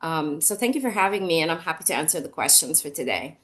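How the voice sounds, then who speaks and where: A woman's voice: low voice, lively intonation, quick pace, a bit bright. A woman professor answering interview questions on a video call, articulate and earnest, her voice nasal from a cold. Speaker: professor guest.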